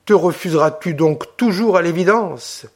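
Troubled young brother, gently reproachful, read by the narrator, slightly high voice. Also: male voice, normal speed. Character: troubled young male officer, torn and reproachful.

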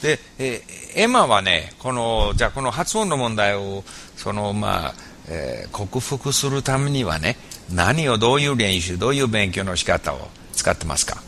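Man hosting, non-native speaker, halting and rephrasing, lowish voice, bright tone. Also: sing-song, a little hiss or hum. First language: not Japanese. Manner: halting, often rephrases his questions. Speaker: host. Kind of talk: conversational interview.

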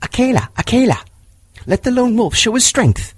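A man voicing a pack of young wolves, shouting and taunting. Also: very high voice, big pitch swings, moderate pace, breathy edge, no echo, voice pushed up, full character voice.

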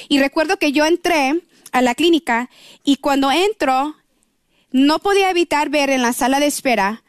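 A woman's voice: sits high, dry recording, clean studio sound. A middle-aged woman, telling her personal testimony on a radio program in an earnest, emotional storytelling manner. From Mexico. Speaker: guest giving testimony.

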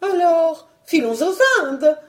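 A woman reading a storybook voices a hysterical, demanding rich baroness in a raised, shrill tone. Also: animated, slow.

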